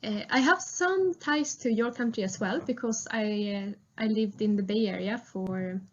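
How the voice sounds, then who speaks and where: A woman's voice: mid-range voice, unhurried. A young woman in her twenties from Sweden, with a Swedish accent, presenting a prerecorded conference talk in a friendly tone with frequent "uh" fillers. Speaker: research engineer presenting. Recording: muffled lo-fi recording.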